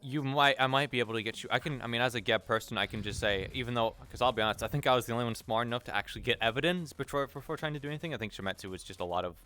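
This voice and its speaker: A man's voice: mid-range voice, very fast, hardly any pauses, pushed and bright. A man in an in-character roleplay, rambling and swearing with many restarts. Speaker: roleplay streamer.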